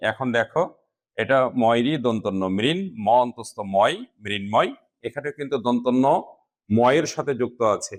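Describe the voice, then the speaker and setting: A man teaching a grammar lesson to students, speaking slowly and deliberately and spelling words out piece by piece. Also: mid-range voice.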